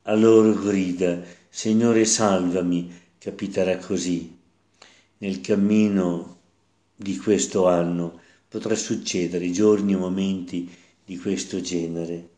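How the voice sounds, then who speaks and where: A man preaching as a priest, reading a Gospel passage and reflecting on it slowly, repeating phrases for emphasis. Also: deep voice, steady tone, warm tone, reverberant.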